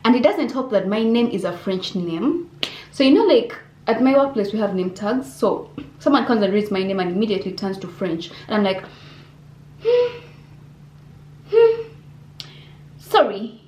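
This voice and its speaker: A woman's voice: medium pitch, normal speed, pauses often. Young woman, chatty vlog, bedroom echo, faint background hum. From Uganda. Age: young adult. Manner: chatty, expressive, talks to viewers directly. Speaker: vlogger. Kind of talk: casual Q&A vlog. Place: bedroom indoors. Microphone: camera on desk facing her.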